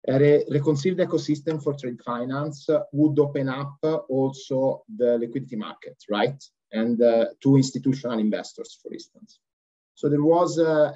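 Halting male panelist, muffled sound. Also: mid-range voice, darkish tone. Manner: halting, many "uh" and "let me say". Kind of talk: panel discussion answer. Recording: muffled lo-fi recording.

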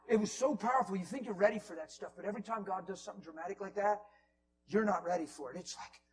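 Man, preacher, high voice, storytelling sermon, whispers and exclaims, faint hum. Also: quick pace. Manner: animated storyteller, swings from hushed whispers to loud exclaims. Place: church hall.

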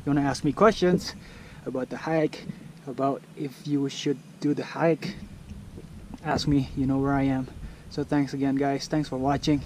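A young man talking excitedly to his viewers in a casual vlog from a mountain summit outdoors, repeating himself as he points things out. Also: mid-range voice, normal speed, a little hiss or hum. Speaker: vlogger.

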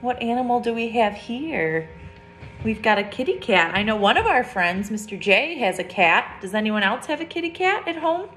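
A young woman teacher reading a picture book aloud to small children, gentle and sing-song, stopping to ask them questions. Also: on the high side, sing-song, moderate pace, slight background noise. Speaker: preschool teacher.

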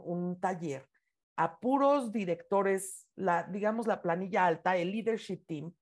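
A woman's voice: medium pitch, darkish tone. A woman hosting an online book club, talking in an encouraging, emphatic way and telling her own stories. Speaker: book club host and speaker. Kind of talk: casual online club talk.

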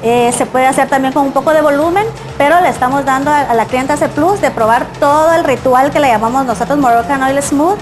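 A woman with a high voice gives a friendly explanation of her salon's services. She speaks into the reporter's handheld mic, with music playing under her. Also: brisk. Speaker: salon representative. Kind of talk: interview answers. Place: indoor salon.

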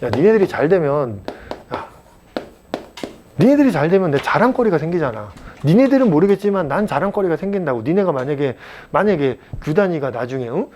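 A man teaching a math class at a cram school, blunt and chatty, joking and mock-scolding his students and checking in with quick questions. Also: a little high, sing-song, a little mellow, a little hiss or hum. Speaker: math tutor.

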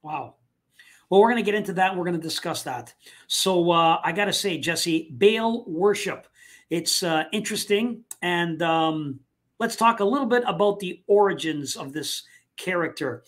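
A man hosting a live online talk show, speaking casually with many fillers and pauses. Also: sits high, a bit bright. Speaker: host.

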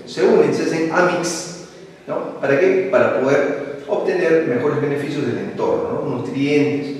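A man's voice: on the high side, measured pace. Echoey Peruvian man teaching biology. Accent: Peruvian Spanish. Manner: lively, asks questions and answers them himself, mixes in English words. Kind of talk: online pre-university biology lesson. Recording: very echoey hall, voice from a distance.

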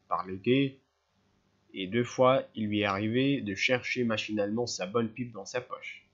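A man reading a novel aloud in a measured, storytelling way. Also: on the low side, slightly rough. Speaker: reader. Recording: slightly dull lo-fi sound.

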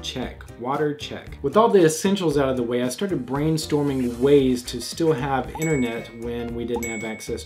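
A man hosting a tech DIY channel, giving clear step-by-step scripted tutorial narration with a light touch of humor. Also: medium pitch, darkish tone.

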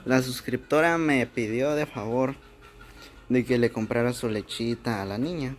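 A man's voice: mid-range voice, measured pace. A young man hosting a charity vlog, explaining things step by step to his viewers. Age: young adult. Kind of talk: casual narration to camera. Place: small bedroom, indoors.

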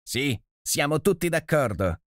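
A man voicing an impatient, excitable male professor who barks urgent orders in an audiobook reading. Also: medium pitch, normal speed, no echo, studio quality, pitched above the performer's own voice, lightly acted. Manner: urgent, commanding, barking orders. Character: impatient, excitable male professor leading a deep-sea dive.

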